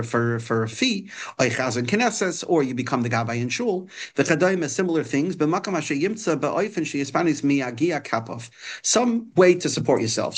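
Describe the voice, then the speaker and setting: Man, mid-pitched voice, religious teacher, informal text lesson, hesitant phrasing with repeated words. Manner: hesitant, repeats and restarts phrases while explaining.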